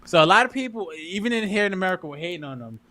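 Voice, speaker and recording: A man's voice: sits high, lively intonation, rapid-fire, bright, forceful tone. A young man co-hosting a podcast with his father, chatting in a laid-back, agreeable way. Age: young adult. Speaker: podcast co-host, son. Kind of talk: casual chat.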